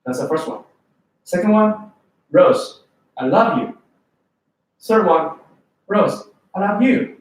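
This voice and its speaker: His voice is high, his pace slow, and he pauses often. This man from China, who has a Chinese accent, teaches an English test class through a lively classroom lecture, frequently checking in with students and posing questions, recorded from afar in an echoey room.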